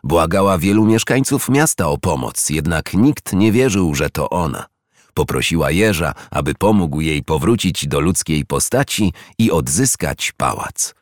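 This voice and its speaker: A man narrating a children's storybook in an expressive read-aloud manner. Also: low voice, unhurried, no room sound, studio quality.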